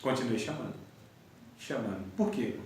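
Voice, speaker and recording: A man's voice: mid-range voice, lively intonation, moderate pace, darkish tone. A man teaching a conversational theology class in a classroom, telling stories and joking with his students. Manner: storytelling, chatty, laughs with class. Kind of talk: conversational church class lesson. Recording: echoey classroom from far off.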